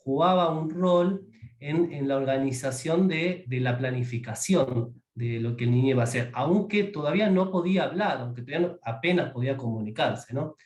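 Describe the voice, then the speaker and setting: A man's voice: medium pitch, brisk, darkish tone. Hesitant man asking, echoey room. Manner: hesitant, trailing off. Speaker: seminar participant asking a question.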